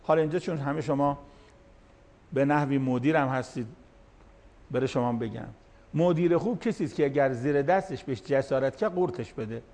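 A man's voice: medium pitch, a little mellow. A man near seventy giving a sermon-style lecture as a cleric, explaining verses line by line in plain talk. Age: late 60s. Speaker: cleric speaking to an audience of managers.

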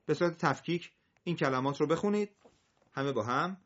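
A man's voice: fairly high pitch, lively intonation, fairly bright tone, dull audio. A man teaching a Quran recitation class, drawing out vowels as he models words for his students. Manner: drawn-out, sung vowels when modeling words. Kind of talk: classroom lesson.

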